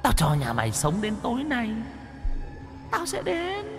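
A man voicing a cruel female demon who eats souls, speaking in a high, hushed, mocking and menacing way. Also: wildly swooping pitch, a little slow, vocal fry, in a large hall, music in the background, exaggerated voice. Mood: mocking menace. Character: cruel cackling female demon, soul-eater.

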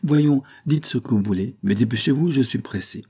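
Un homme qui joue un paysan direct et fier dans un roman lu à voix haute. Le timbre est chaud et assourdi, légèrement enroué. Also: male voice, mid-range voice, normal speed, warm tone, breathy edge, pitched above the performer's own voice. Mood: impatient. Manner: blunt, plainspoken. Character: proud, blunt provincial male farmer.

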